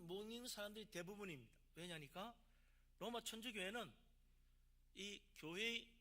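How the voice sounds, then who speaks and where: A man's voice: high-pitched, sharp tone. A man, a pastor from South Korea, preaching a sermon with emphatic delivery and rhetorical questions.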